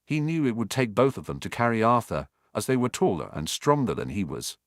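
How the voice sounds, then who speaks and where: A man narrating a fan fiction audiobook with expressive storytelling. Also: on the low side, brisk, no room sound, studio quality.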